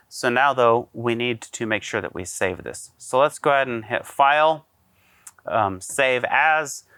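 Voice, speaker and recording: A man giving a casual step-by-step software tutorial, talking through each click with frequent ums and uhs. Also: medium pitch, clear, resonant tone, dry recording. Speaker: AV integrator demonstrating software. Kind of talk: screen-recorded software tutorial.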